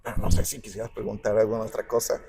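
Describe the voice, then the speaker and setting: A man telling a saint's life in conversation, acting out the quoted dialogue with lively shifts. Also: fairly low pitch, fast talker, a crowd in the background. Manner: animated, acts out quoted dialogue. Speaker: guest speaker on the parish patron saint. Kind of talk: conversational storytelling.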